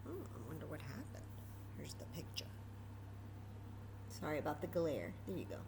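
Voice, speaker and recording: With a deep voice and lively intonation, an American woman from Texas reads to children at normal speed while background noise runs underneath. She engages the young audience directly, pairing the story with chatty asides.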